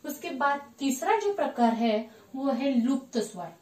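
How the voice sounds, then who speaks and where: Slow, high-voiced woman teaching in an echoey room. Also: big pitch swings, darkish tone, recorded from a distance. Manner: slow, repetitive, asks questions and answers them herself. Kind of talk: classroom grammar lesson.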